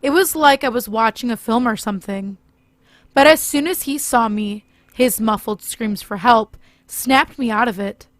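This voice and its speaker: A woman's voice: fairly high pitch, normal speed, no echo. Woman narrating a horror story.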